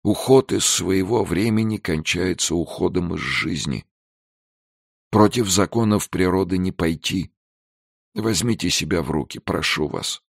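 A grieving old director speaks slowly and gravely, as a male narrator plays him. The voice is lifted a little above a low gravelly base, soft and dry. He talks like a storybook elder breaking bad news. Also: no room sound, full character voice. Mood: sorrowful. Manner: grave, mournful. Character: sorrowful older male institute director.

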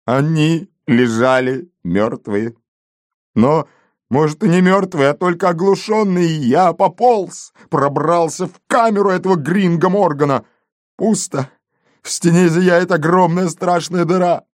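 A man voicing an excitable, wounded male gendarme who boasts and shouts in a storybook reading. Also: on the high side, measured pace, no echo, clean studio sound, pitched above the performer's own voice, natural voice. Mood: excited.

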